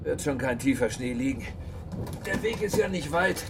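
Schauspieler für murmelnden Reisenden im Hörspiel, mittlere Stimmlage. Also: male voice, mid-range voice, expressive, normal speed, background noise, close to an everyday voice. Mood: muttering. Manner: muttering to himself. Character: fussy male theatre traveller, talking to himself.

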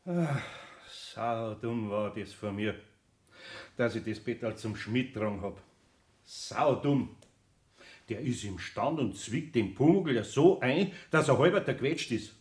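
A man playing a gentle old Bavarian carpenter. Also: medium pitch, lively intonation, natural voice. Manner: slow, soft-spoken, coaxing. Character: kindly old master carpenter, gentle and patient. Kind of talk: radio play acting. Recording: roomy studio recording.

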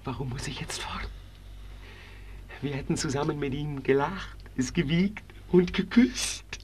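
An actor playing a young prisoner who wakes from a nightmare trembling and panicked, then slowly recounts it. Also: male voice, a little high, a little mellow, slight background noise, close to an everyday voice. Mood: shaken. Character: young male prisoner woken from a nightmare, terrified and shaken. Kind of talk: stage drama performance.

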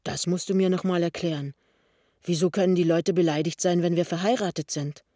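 A man doing a bright, insistent young wife. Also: sits high, fairly even intonation, fairly quick, no echo, studio quality. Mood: surprised. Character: young woman, cheerful, practical, stubborn.

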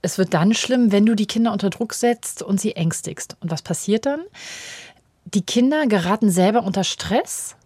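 Woman, middle-aged, parenting expert, conversational, animated, dry sound. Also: mid-range voice, moderate pace, breathy edge, no echo. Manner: animated, acts out quoted voices of children and parents. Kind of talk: conversational interview.

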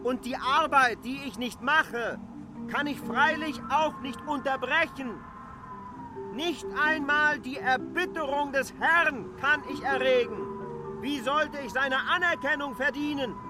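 An insistent land surveyor. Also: male voice, very high-pitched, unhurried, music in the background. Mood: ironic. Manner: insistent, exasperated, reproachful. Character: K., stubborn demanding adult land surveyor. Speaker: lead character in a radio play. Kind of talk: radio drama acting.

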